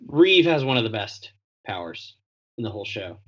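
A man's voice: lowish voice, sing-song, moderate pace. Laid-back man in lo-fi casual chat. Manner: laid-back, laughs often, recaps plot with fillers. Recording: dull lo-fi sound.

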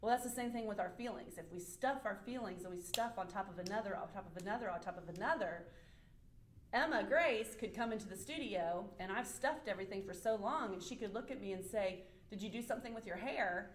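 A woman's voice: mid-range voice, a little fast, reverberant, a little hiss or hum. A woman leading a studio group discussion, asking questions and acting out examples. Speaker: discussion leader.

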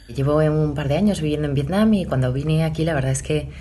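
A woman's voice: deep voice, a little fast, mellow, slight background noise. A woman with a Spanish accent, answering reflectively with a few fillers. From Spain. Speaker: interview guest.

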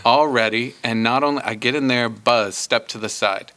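Male co-host for a comedy podcast, crisp bright tone, average pitch, easy chat. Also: normal speed. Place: recording studio.

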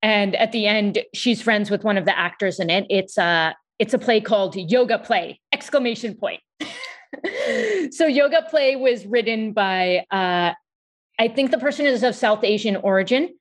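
A woman from the United States with a New York accent, hosting a podcast in quick, animated casual conversation and laughing often. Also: medium pitch. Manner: fast, animated talker who laughs often. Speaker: podcast host.

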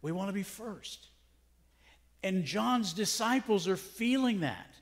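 A man's voice: sits high, expressive, slow. A middle-aged male pastor preaching a sermon in a conversational way, full of rhetorical questions. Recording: long hall reverb.

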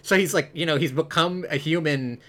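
A man's voice: fairly high pitch, brisk, sharp tone. A man chatting casually about a video game, rambling and full of "like" fillers, with the odd swear.

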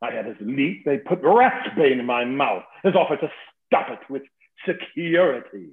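A man's voice: mid-range voice, very animated, normal speed. A man playing a boastful, witty old knight, mocking and savoring his insults in a theatrical play reading. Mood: indignant. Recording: tinny phone-like sound in an echoey room.

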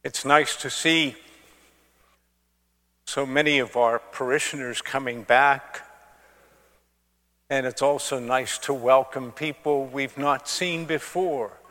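A man speaking as a priest in church, with the measured, solemn delivery of liturgy and preaching. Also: mid-range voice, steady tone, bright, forceful tone. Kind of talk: liturgical Gospel reading and homily. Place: large church. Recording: long cathedral-like echo of large space.

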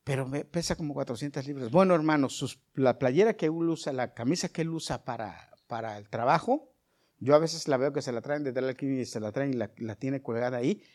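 A middle-aged male pastor, preaching a sermon that swings from soft, chatty asides to loud, rising bursts. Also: mid-range voice, a little fast.

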